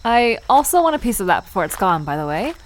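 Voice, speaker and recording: Speaking quickly with big pitch swings and a light touch of acting, a medium-pitched actress voices an inquisitive, teasing and slightly skeptical young woman in a conversational audio drama. Poor audio carries music and crickets behind her.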